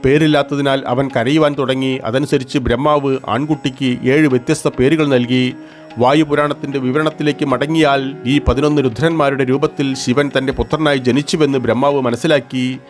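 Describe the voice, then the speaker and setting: Male narrator, scripted storytelling, mid-range voice, faint music bed. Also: mid-range voice.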